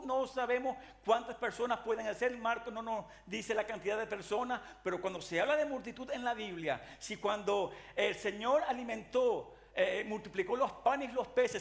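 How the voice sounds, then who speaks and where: A man's voice: high voice, fairly bright tone. A man preaching a sermon as pastor, earnest and searching, often restarting phrases and addressing his listeners as beloved brothers, with a Latin American Spanish accent. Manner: earnest preaching with frequent restarts and repeated "mi amado hermano".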